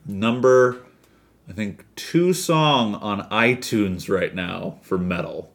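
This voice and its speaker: A man co-hosting a podcast, chatting casually about pro wrestling in an animated, rambling way with the odd swear. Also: on the low side, slow. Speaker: podcast co-host.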